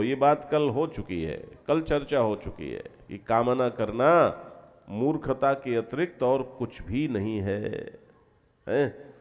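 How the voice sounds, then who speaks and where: A man's voice: medium pitch, in a large hall. A man giving a devotional spiritual discourse to a gathering, explaining step by step and often urging listeners to pay close attention. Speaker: spiritual teacher.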